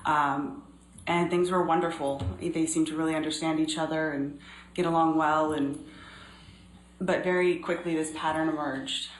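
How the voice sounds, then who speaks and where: A woman in her thirties giving measured, earnest courtroom testimony as a witness, pausing often. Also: sits low, fairly even intonation. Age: 30s. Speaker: trial witness. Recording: echoey courtroom recording, faint noise.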